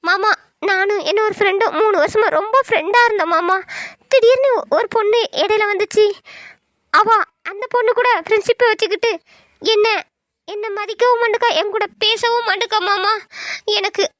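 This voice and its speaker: A woman's voice: very high voice, steady tone, moderate pace, a bit bright, no echo. A woman voicing a tearful young woman who is hurt by a friend. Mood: upset, tearful. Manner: sobbing, pleading.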